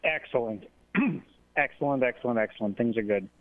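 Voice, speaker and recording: A man calls in to a radio chat over a tinny, phone-thin line, and the connection makes his voice warble and echo as though he were speaking from inside a fishbowl. He talks in a halting way, stopping often to search for words. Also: mid-range voice. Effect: warbling, echoey phone line, like talking inside a fishbowl. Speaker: call-in guest.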